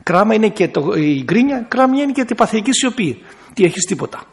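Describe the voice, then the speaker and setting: A man's voice: high-pitched, big pitch swings, slight background noise. A man who is an Orthodox priest, teaching a group in a conversational sermon and acting out people in quoted bits. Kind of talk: talk to a group with questions.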